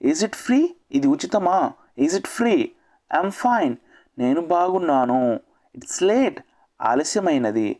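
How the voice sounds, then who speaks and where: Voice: medium pitch, sing-song, slow, long pauses, darkish tone. A teacher with a Telugu accent giving a spoken English lesson, saying each short English phrase, translating it, and repeating it.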